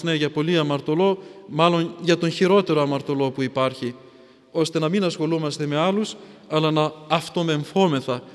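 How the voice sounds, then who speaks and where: Stern high-voiced holy hermit , as a male preacher quotes him, solemn rebukes ringing in a long-reverb hall. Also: close to an everyday voice. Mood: instructive. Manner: solemn, reproachful, repeats himself for emphasis.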